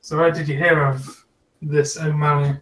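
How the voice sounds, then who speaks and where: Bright, flat-toned male gamer. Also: on the high side, moderate pace. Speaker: player. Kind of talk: playing a character in a tabletop game.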